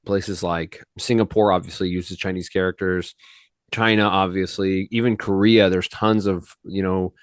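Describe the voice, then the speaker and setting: Male podcast host, lower voice, casual rambling delivery, dry close sound. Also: steady tone, moderate pace, smooth, no room sound. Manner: loose, rambling, slangy, with many restarts.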